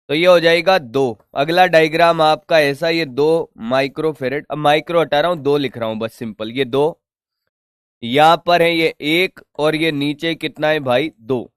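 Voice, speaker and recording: Working through circuit problems on a board in an online class, a physics teacher jokes around and fields his students' questions. His voice is on the high side and smooth, his pace measured, and the studio recording is dry.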